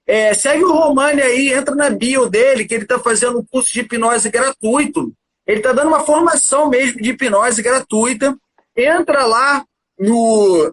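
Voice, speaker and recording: A man chatting as a guest on a livestream, telling a story in an animated, casual way and often addressing the listener as "cara". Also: very high voice, a little hiss or hum. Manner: animated, keeps saying "cara".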